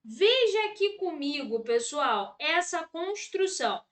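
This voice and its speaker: A woman's voice: high voice, big pitch swings, slow pace, fairly bright tone. A Brazilian woman teaching an exam-prep grammar lesson, repeating key words and checking in with her students.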